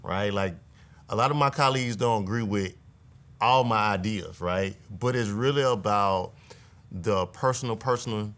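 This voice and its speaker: A man in his thirties, a state legislator, talking earnestly in a relaxed conversation and often adding "right?" to his points. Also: fairly low pitch, moderate pace. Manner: earnest, reflective, tag questions. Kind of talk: casual conversation.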